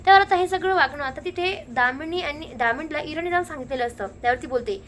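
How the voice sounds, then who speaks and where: Retelling a TV serial episode, a woman speaks fast and lively in a high, quick voice, jumping right into acting out characters' lines without any slowdown. The recap sounds like rapid storytelling, with a faint hiss of background noise.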